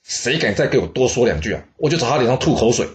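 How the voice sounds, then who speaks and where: A man voicing a stubborn, sharp-tongued old queen dowager in a blunt, petulant way. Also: sits low, normal speed, natural voice. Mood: indignant.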